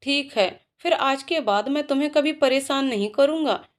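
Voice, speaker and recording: A woman's voice: sits high, normal speed, lightly acted. A woman voicing a playful, loving young male professor in a told story, teasing and coaxing. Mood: pleading. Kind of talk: storytelling voices.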